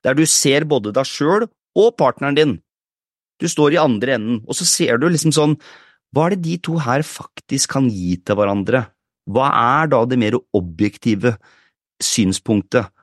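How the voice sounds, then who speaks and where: A man's voice: medium pitch, expressive, no room sound, clean studio sound. A man co-hosting a podcast, explaining ideas through a stream of rhetorical questions in casual chat. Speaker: podcast co-host.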